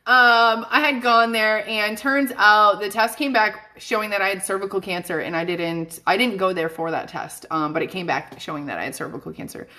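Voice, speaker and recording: A woman's voice: medium pitch, moderate pace, hardly any pauses, bright, forceful tone. A woman, a psychic medium chatting emphatically to viewers in a live stream. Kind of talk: casual live-stream talk.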